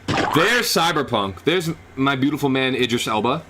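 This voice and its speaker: Excitable young man streaming reactions. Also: medium pitch, moderate pace, background noise. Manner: excitable, shouts reactions, rambling commentary.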